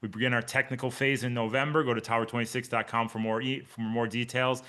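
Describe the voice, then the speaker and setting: A man's voice: medium pitch, little pitch movement, fast talker, sharp tone. A man in his forties, a triathlon coach and podcast host, chatting casually and upbeat on a live video call with his team. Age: 40s. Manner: upbeat, chatty, addresses listeners by name.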